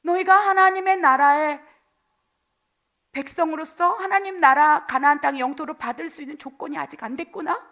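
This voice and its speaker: A woman preacher voicing a patient, tender God who gently promises to wait for his people. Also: high-pitched, normal speed.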